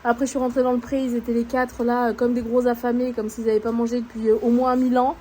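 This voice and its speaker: High-voiced chatty French woman vlogging. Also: level tone, fast talker, darkish tone, a little hiss or hum. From France. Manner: chatty, grumbling, slangy asides to viewers. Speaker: horse-owning vlogger. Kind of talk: casual vlog chat. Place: outdoors at a stable and paddock.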